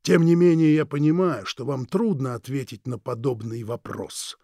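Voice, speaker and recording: A man's voice: mid-range voice, mellow, dry recording, close to an everyday voice. A man voicing a sinister, mocking male villain in an audiobook, stretching his words with sneering politeness. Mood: menacing. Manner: slow, drawn-out, sneering politeness. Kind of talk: audiobook reading.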